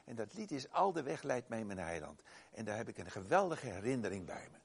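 A man preaching a sermon and telling a personal story, emphatic and exclaiming, swinging between loud and soft. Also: medium pitch, vocal fry, breathy edge.

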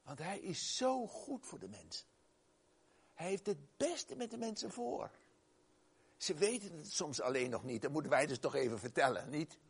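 A male preacher with a gravelly, slightly husky voice, delivering a sermon that weaves in a personal story. His pitch leaps around in lively swings as he exclaims, then drops to a hush. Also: moderate pace. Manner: emphatic, exclaiming, swings loud and soft.

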